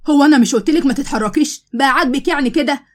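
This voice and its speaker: A woman's voice: high-pitched, racing, natural voice. A woman voicing a brusque, teasing young husband, with an Egyptian Arabic accent, in a storybook tale. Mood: scolding.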